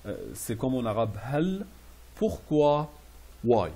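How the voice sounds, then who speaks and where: Slow, husky male French teacher. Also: mid-range voice, sing-song, warm tone. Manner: explains French phrases in English, repeating each slowly. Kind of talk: classroom phrase lesson.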